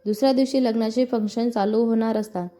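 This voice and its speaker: A woman with a Marathi accent reading a scripted story aloud, voicing all the characters' lines in her own even narrating voice. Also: on the high side, fast. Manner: reads all parts in one even narrating voice.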